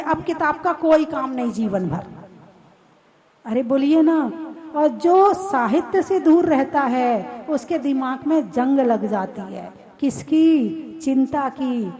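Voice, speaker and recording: A woman's voice: high voice, mellow. A woman who is a Jain nun, giving a conversational, teasing sermon to a live audience and putting questions to the crowd.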